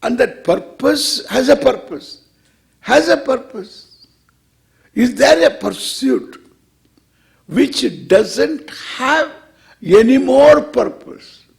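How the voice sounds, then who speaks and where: A male Indian swami speaks in a very creaky, crackling voice that sits high for a man and swings widely in pitch. He teaches informally with an Indian English accent, putting questions to his listeners and answering them himself with wry, playful humor. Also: expressive, very slow, pauses often. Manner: rhetorical question-and-answer, repeats phrases for emphasis. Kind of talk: informal spiritual discourse to a live audience.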